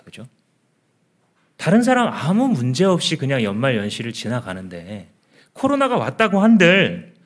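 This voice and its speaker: A male pastor preaching a sermon in an earnest, conversational way, often asking the congregation questions. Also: fairly high pitch.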